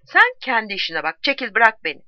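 A woman reading aloud, voicing a desperate, furious male soldier in the middle of a battle, shouting his lines. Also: a little high, wildly swooping pitch, brisk, no echo, highs cut off, pitched above the performer's own voice. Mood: bitter.

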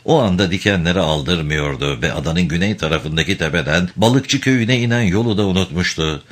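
A man narrating a novel aloud with expressive, dramatic reading. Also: low-pitched, brisk. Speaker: audiobook narrator.

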